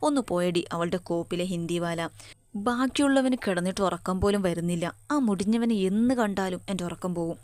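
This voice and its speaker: A woman's voice: lowish voice, a little fast, a little mellow, dry recording, close to an everyday voice. A woman voicing a cheeky, blunt young woman who scolds her friend in slangy talk in a spoken story. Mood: annoyed.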